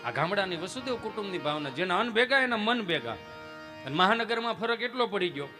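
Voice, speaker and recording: A man's voice: high-pitched, a little fast, over music. A man telling folk jokes and stories on stage, acting out many voices. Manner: lively joke-telling with many acted voices. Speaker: folk comedian. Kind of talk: live stage storytelling.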